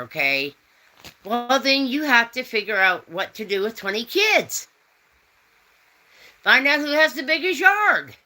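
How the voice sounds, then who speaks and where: Slow, rambling woman chatting with viewers. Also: medium pitch, pushed and bright, rough recording. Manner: rambling, folksy, reads out chat comments. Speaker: host. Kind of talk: casual chat.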